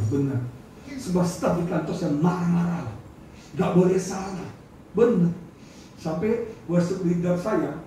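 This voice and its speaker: A middle-aged man preaching a sermon as pastor, humorous and animated, acting out quotes. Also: sits high, slight background noise. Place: church hall. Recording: echoey room from far off.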